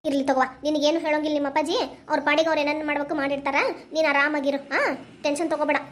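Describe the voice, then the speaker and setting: A woman voicing a practical, protective village mother in a family cartoon, gently scolding and comforting in North Karnataka Kannada. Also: high-pitched, level tone, racing, lightly acted. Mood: advising.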